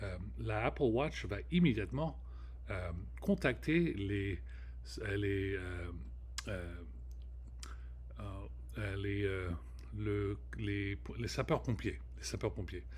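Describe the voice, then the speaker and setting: A man hosts his own podcast, delivering a casual monologue to camera with many restarts and fillers and slipping into English words. His voice is lowish and his pace slow.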